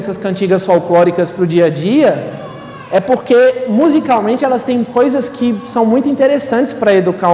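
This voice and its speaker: High-voiced young man lecturing in an echoey hall. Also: darkish tone. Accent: Brazilian Portuguese. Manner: conversational, frequent "né?" tags. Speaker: seminarian lecturer. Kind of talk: lecture to a live audience. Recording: echoey hall, distant mic, faint room noise.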